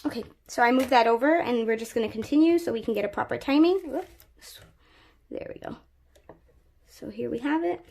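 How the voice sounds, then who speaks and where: A woman's voice: a little high, lively intonation, moderate pace, gravelly, long pauses, a little mellow. A woman hosting her craft channel, talking casually through a tutorial while she works with her hands, thinking aloud with fillers and restarts.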